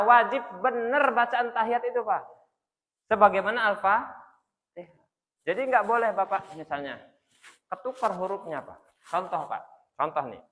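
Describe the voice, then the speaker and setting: A man's voice: high-pitched, pushed and bright. A man giving a religious study lecture in a mosque, explaining prayer rules step by step and addressing the men in the audience as "Pak" again and again. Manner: demonstrates recitations by chanting them. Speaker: Islamic religious teacher. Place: mosque hall. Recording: long echo of a mosque hall.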